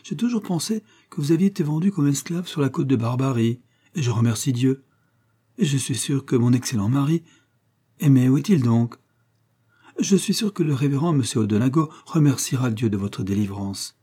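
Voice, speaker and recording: A man's voice: mid-range voice, animated, moderate pace, dark tone, breathy edge, voice pushed up. Man doing a gushing, vain remarried aunt. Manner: effusive, theatrical, pious exclamations. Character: vain gushing middle-aged woman, newly remarried aunt.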